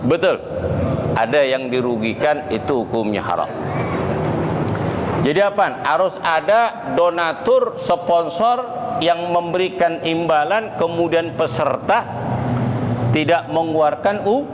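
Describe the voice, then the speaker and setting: A man's voice: fairly high pitch, expressive, measured pace, long pauses. A man giving a colloquial, teasing religious lecture as an Islamic teacher, repeating points and leaving words for listeners to finish. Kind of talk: mosque religious lecture with Arabic text read and explained. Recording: noisy, long hall reverb, traffic outside.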